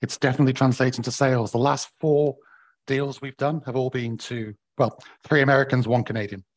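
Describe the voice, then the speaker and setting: A man with a croaky, hoarse, still-recovering voice, explaining things haltingly as a company director being interviewed. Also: medium pitch, steady tone, dry recording. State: voice recovering from bruised vocal cords. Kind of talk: conversational market update interview.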